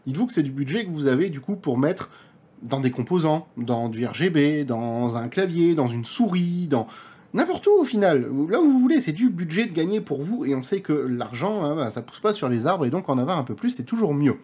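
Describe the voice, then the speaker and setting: Casual male tech youtuber, husky, chatty tutorial voiceover. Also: fairly high pitch, sing-song, fairly quick, dark tone. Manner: chatty, informal, addresses viewer as tu and vous. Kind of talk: casual screen-recorded tutorial. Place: home, dog nearby.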